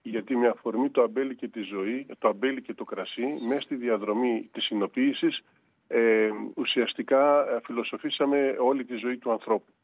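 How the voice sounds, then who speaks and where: Male winemaker guest, reflective and halting, phone-line sound, dry. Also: medium pitch, no echo. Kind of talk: radio interview.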